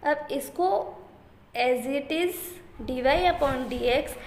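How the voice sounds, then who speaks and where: A woman teaching math step by step, often asking the class a question and checking they follow. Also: sits high. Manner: slow, step-by-step, repeated questions and "theek hai" checks. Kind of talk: blackboard math lesson in Hindi-English mix. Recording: echoey room with faint ambient noise.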